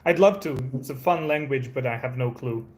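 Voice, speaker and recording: A Croatian man, a native speaker of Croatian whose English carries an American-sounding accent, chats casually with viewers on his live stream from indoors at home. His mid-range voice has a darkish tone and moves a little fast, rambling in a laid-back way with plenty of fillers and restarts.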